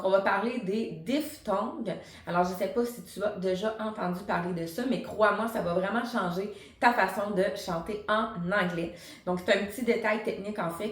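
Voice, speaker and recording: A woman's voice: medium pitch, reverberant. A woman, a singing teacher giving a chatty, explanatory online singing lesson. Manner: chatty and explanatory, many fillers. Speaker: singing teacher and vocal coach.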